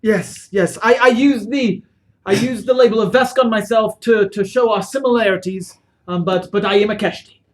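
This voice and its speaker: A man voicing a humble, earnest lizard-like alien in a tabletop game, halting and solemn. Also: high-pitched, lightly acted. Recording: noisy home recording.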